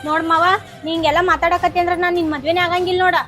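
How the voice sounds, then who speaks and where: A woman with a North Karnataka Kannada accent playing a young woman, brisk and scolding. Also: very high voice, little pitch movement, fairly bright tone, soft background music. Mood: annoyed. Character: young woman brushing off her lovers. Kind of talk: short film acting.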